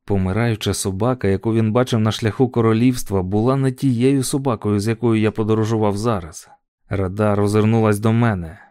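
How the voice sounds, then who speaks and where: A man reads a story aloud in an even, measured telling. His voice is dark and mellow and sits fairly low, and the sound is dry and close with no room around it. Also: smooth, no room sound. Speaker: audiobook narrator. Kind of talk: scripted audiobook narration.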